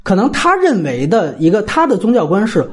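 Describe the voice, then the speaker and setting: A man's voice: high voice, fairly quick. A man discussing a film at length in a casual podcast conversation, acting out the lines he quotes. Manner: animated, explains at length, acts out quoted lines. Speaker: podcast host, film critic.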